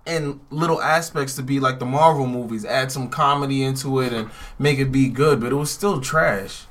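A man's voice: medium pitch, normal speed, fairly bright tone. A man co-hosting a podcast in casual chat, opinionated and tripping over his words. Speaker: podcast co-host.

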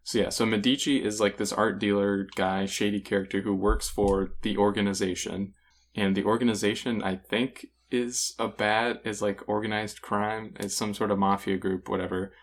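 Another man co-hosting the podcast offers his views in relaxed, conversational talk while they review comics. His voice is on the low side, his tone level and his pace moderate.

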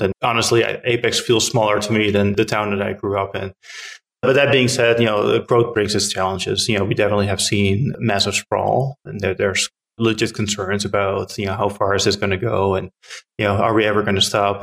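A man's voice: lowish voice, level tone, fairly quick, vocal fry, a bit bright. A middle-aged man from the Netherlands, a town council member answering interview questions earnestly with frequent fillers and restarts.

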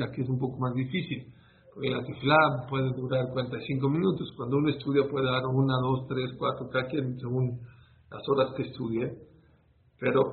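A man giving an informal religious lesson to a small group, telling stories and answering questions as he goes. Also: medium pitch. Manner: conversational, storytelling, answers listeners' questions. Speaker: rabbi teaching a class. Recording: tinny phone-like sound with faint noise.

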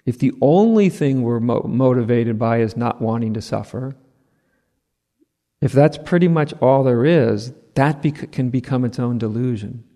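A man teaching on a spiritual theme in a relaxed, conversational way. He drops in "right?" asides and light laughs at a mid pitch. His voice carries a long reverb, as in a hall. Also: measured pace. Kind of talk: spiritual talk.

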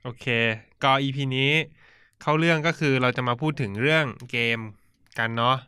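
Young podcast host, brisk and upbeat, crisp bright tone. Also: mid-range voice, no room sound, studio quality. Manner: quick, upbeat, steers the talk. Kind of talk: casual podcast hosting.

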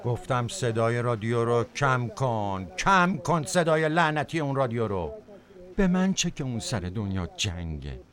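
A man's voice: medium pitch, big pitch swings, a bit bright. A man playing an anguished, irritable passenger haunted by guilt, speaking in terse repetitions in a poetic audio drama. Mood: irritated.

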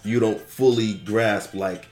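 A man's voice: lowish voice, steady tone, slow, a little mellow, soft background music. A man from the United States, co-hosting a podcast in casual chat, who rambles and restarts as he works through his thoughts. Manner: rambling, restarts often, reflective. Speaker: podcast co-host.

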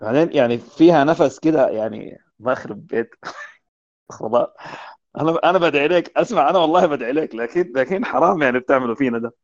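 Fast-talking joking man host. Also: medium pitch, dry recording. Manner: joking, teasing, fast banter. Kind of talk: casual chat on an online audio room. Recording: dull lo-fi online call audio.

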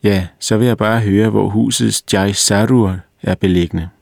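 A man's voice: on the low side, fairly even intonation, creaky, a little mellow, no echo, studio quality. A man reading the lines of a courteous male house tenant who speaks a little hesitantly. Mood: polite.

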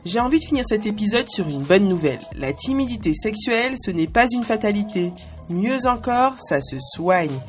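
A woman's voice: medium pitch, expressive, moderate pace, faint music behind. A woman in her twenties hosting a podcast, with a playful, cheeky scripted monologue spoken straight to the listener. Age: 20s. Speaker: podcast host.

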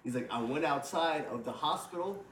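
A man's voice: fairly high pitch, animated, a little fast, fairly bright tone, slight background noise. A man in his twenties hosting a casual, profane podcast chat, rambling with constant "like" fillers. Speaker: podcast host. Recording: echoey room, distant mic.

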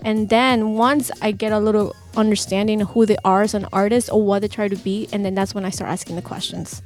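A woman's voice: mid-range voice, steady tone, fairly quick, a little mellow. A woman guest on a radio interview, earnestly and reflectively talking about coaching music artists. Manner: earnest, reflective, laughs readily when teased.

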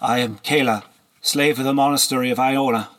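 A man's voice: mid-range voice, fairly even intonation, brisk, fairly bright tone, natural voice. A man voicing a wary young woman, a monastery slave, answering plainly and respectfully in an audiobook.

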